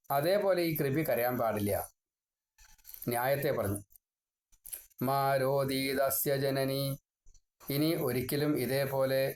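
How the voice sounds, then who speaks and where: A man giving a devotional scripture discourse. He recites verse lines slowly and then explains each word, often repeating it. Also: mid-range voice, a little mellow. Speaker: scripture teacher.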